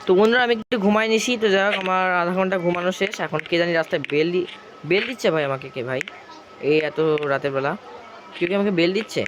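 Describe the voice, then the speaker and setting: Gaming YouTuber, male, Bangladeshi Bengali accent, hoarse, rambling and quick, slightly high voice, noisy traffic behind. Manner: rambling, chatty, keeps circling back with the same filler. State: hoarse from a cough. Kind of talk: casual gameplay commentary.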